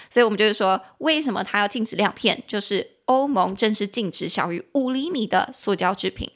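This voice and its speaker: A woman hosting a podcast, giving a casual English lesson in a chatty, animated way and spelling words out letter by letter. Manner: animated pitch jumps, laughs easily. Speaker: podcast host teaching English.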